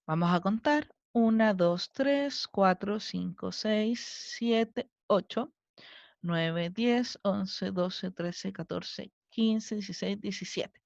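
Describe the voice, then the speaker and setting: Chilean woman teacher, slow patient explainer, dry close lo-fi voice-over. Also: mid-range voice, gravelly, a little mellow, no room sound. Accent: Chilean Spanish. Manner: slow, patient, counting syllables aloud step by step. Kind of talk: recorded online class lesson.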